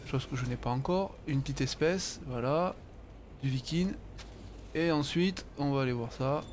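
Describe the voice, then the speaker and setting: A man's voice: mid-range voice, normal speed, a little hiss or hum. A man giving casual gaming commentary, muttering to himself and swearing offhandedly. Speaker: let's play host.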